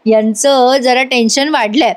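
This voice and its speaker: A woman's voice: fairly high pitch, fairly even intonation, a little slow. A woman narrating a voice-over recap of a TV serial. She talks straight to her viewers in a chatty way and quotes each character's lines as she goes. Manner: chatty, addresses viewers directly; retells scenes by quoting each character. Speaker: TV serial reviewer. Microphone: voice-over recorded at a mic.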